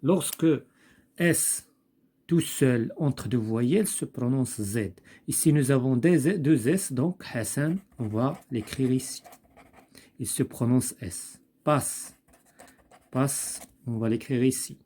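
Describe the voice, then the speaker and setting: Slow, husky Moroccan teacher. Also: male voice, medium pitch, dark tone. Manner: slow, repeats each word, thinks aloud with fillers. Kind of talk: slow classroom explanation.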